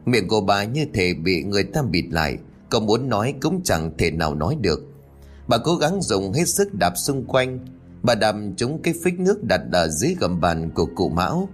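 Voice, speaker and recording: A man's voice: on the low side, big pitch swings, normal speed. A man narrating a ghost story aloud, lightly voicing the characters as he reads. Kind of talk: scripted horror story narration. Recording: faint music behind.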